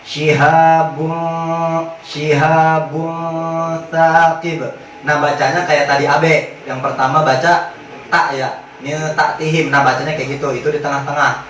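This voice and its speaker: A man teaching Quran recitation rules in casual slang, joking with his class and chanting drawn-out examples. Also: fairly high pitch, little pitch movement, fairly bright tone, a little hiss or hum. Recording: very echoey hall, mic at a distance.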